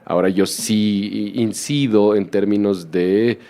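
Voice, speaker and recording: A man's voice: on the low side, fairly even intonation, measured pace, vocal fry, dark tone. A man from Mexico, a documentary filmmaker talking through his work in a casual interview, reflective and full of restarts. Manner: reflective, many restarts and fillers.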